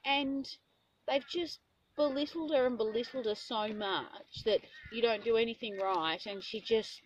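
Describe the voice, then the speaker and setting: A woman's voice: fairly high pitch, a little slow, muffled recording, a little hiss or hum. A woman, a riding instructor, chatting casually and telling a long story about a lesson, acting out what people said. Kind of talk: casual chat.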